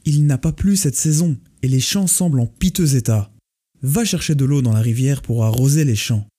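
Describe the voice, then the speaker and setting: A man's voice: mid-range voice, moderate pace, dark tone, breathy edge, close to an everyday voice. A man voicing an angry old father who scolds his son. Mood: scolding.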